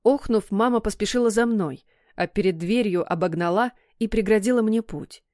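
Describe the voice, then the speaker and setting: A woman's voice: mid-range voice, normal speed, no room sound. Woman narrating a novel, dry and close. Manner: expressive storytelling. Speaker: audiobook narrator. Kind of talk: first-person audiobook narration.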